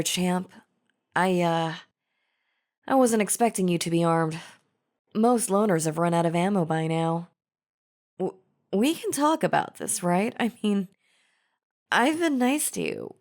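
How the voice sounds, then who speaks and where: A woman with a mid-range, slightly mellow voice plays a chatty, falsely friendly zombie in a scripted audio roleplay, addressing the listener directly. This coaxing flesh-eater sounds nervous and placating, speaking in a casual, chummy, persuasive, conversational way.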